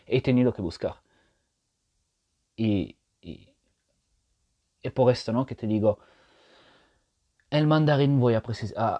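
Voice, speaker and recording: In learned Spanish, a man hosts a casual solo podcast, explaining himself patiently and often checking in with the listener. His voice sits on the low side with a dark tone.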